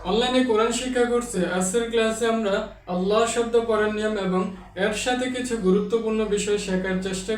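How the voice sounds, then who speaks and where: Guy teaching quran reading online, really high voice, chants the examples slow n stretched out. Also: recorded from a distance. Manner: explains rules slowly, then chants Arabic examples in a long melodic recitation. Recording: echoey, off-mic room sound.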